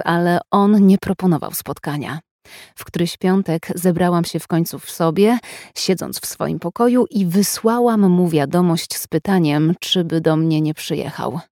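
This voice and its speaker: Calm woman reading a first-person story. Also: fairly low pitch, no room sound, studio quality. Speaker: audiobook narrator. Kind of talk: scripted first-person narration.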